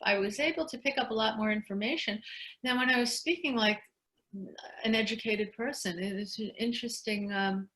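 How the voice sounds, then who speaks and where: An older woman from New York with a Brooklyn accent, a guest in a casual interview who tells animated stories and laughs easily. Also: fairly high pitch, brisk.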